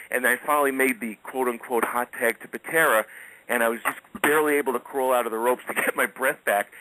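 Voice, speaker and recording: Bright-voiced middle-aged man telling stories. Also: medium pitch, poor audio. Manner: chatty storyteller who chuckles often. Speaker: radio guest. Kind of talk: casual anecdote telling.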